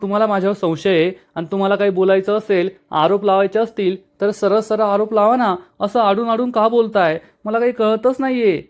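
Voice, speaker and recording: A man voicing a scheming young woman from a TV serial who feigns outrage in a shrill, accusing, melodramatic way. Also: flat delivery, moderate pace, a little mellow, lightly acted. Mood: indignant.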